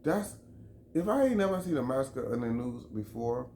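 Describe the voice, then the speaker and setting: Man, mid-pitched, fired-up vlog rant, swears and repeats points, echoey room with light background hum. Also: very animated, moderate pace, creaky, a little mellow. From Chicago. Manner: heated, emphatic, profane, repeats himself. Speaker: vlogger. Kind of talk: opinion rant to camera. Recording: roomy echo, faint background ambience.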